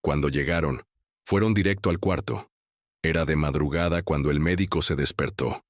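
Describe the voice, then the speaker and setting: Scripted horror tales are narrated by a man whose voice is extremely deep and low, his delivery grave and deliberate. It's a close, dry recording with no echo or sense of a room.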